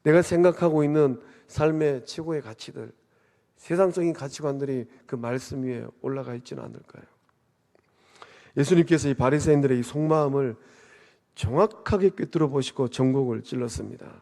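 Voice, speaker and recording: A man's voice: mid-range voice, fairly quick, warm tone. A man preaching a sermon as a pastor, asking rhetorical questions and swelling up to emphasize his points. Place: church sanctuary. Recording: long reverb of a church hall.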